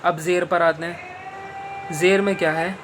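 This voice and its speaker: A man teaching Quran reading slowly, spelling out letters and syllables one by one and patiently quizzing the listener as he goes. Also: on the high side, flat delivery, noisy background. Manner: patient, repeats letters and asks the listener questions. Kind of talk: slow spelling-out lesson.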